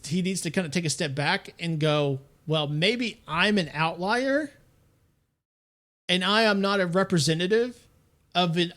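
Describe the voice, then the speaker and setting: A male streamer giving blunt, opinionated commentary, his voice sitting a bit high. He leans hard on his words when he makes a point. It is casual stream talk. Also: a bit bright. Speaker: streamer commentating on other creators.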